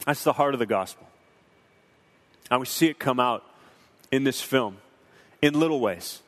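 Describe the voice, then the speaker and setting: A man's voice: medium pitch, expressive, moderate pace, fairly bright tone. Earnest young man in a reverberant hall. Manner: earnest, preacherly, emotional. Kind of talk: reflective film commentary.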